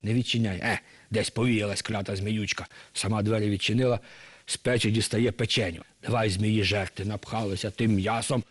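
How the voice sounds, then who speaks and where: A man telling a folk tale to children, lively and talking straight to his young listeners. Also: on the low side, a little fast, husky. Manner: lively, talks directly to children. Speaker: storyteller for children.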